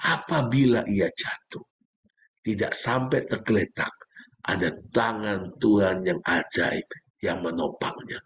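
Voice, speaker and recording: A male pastor preaches a sermon directly to his congregation, emphatic and bursting into exclamations with sudden pitch leaps. His voice is a bit bright and his pace measured.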